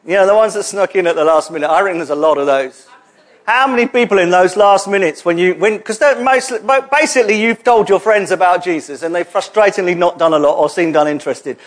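Man preaching, high voice, chatty and jokey, church hall. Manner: conversational, jokey preaching with asides. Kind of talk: sermon.

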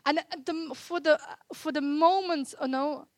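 Speaking at a measured pace with no room sound, a woman in her thirties with a Dutch accent, from the Netherlands, tells her faith story earnestly. Her voice sits high, and her casual talk is full of fillers and restarted sentences.

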